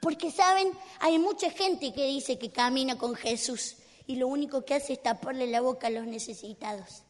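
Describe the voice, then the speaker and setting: A woman's voice: sits high, moderate pace. A woman preacher with an Argentine accent telling a Bible story dramatically in a sermon, in a church hall. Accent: Argentine Spanish. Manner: dramatic, builds to emphatic peaks. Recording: long hall reverb.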